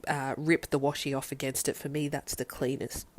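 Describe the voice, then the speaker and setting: A woman's voice: a bass voice, level tone, moderate pace. A young, heavily pregnant woman, slightly out of breath, casually narrating a craft tutorial as a vlogger. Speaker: planner vlogger.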